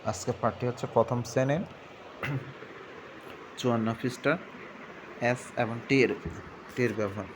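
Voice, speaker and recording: A man's voice: medium pitch, fairly even intonation, background noise. A man teaching a primary school English lesson, spelling words out letter by letter and sounding out their phonics. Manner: slow, spells letters out one by one.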